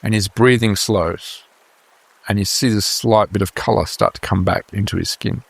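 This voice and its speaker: Low-ish guy running a tabletop game, calm descriptive narration. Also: normal speed, vocal fry, slightly rough, dry recording. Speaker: game master.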